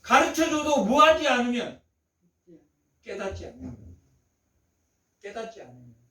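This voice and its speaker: A man's voice: very high voice, expressive, unhurried, bright, forceful tone. A man preaching a Sunday sermon as pastor, repeating phrases for emphasis and asking the congregation rhetorical questions. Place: church sanctuary. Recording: echoey church hall, mic at a distance.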